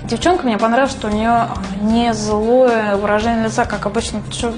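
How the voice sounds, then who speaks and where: A young woman giving casual, spontaneous commentary on a game in short, halting phrases. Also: fairly high pitch, steady tone. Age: young adult. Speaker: martial artist reviewing a game. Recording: loud music behind.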